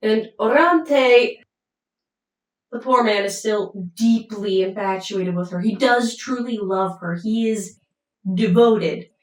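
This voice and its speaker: A woman retelling an opera plot in a chatty, casual way, with pauses and asides. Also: mid-range voice. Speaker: storyteller summarizing an opera. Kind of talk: casual storytelling. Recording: roomy, mic at a distance.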